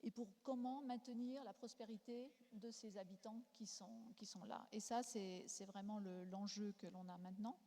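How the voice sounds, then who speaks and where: Female panellist with a foreign accent in French, soft-edged warm voice, halting unscripted delivery, echoing hall. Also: medium pitch, steady tone. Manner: hesitant, searching for words with repeated restarts. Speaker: panel speaker, demography expert. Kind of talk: unscripted panel debate contribution. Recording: reverberant hall sound.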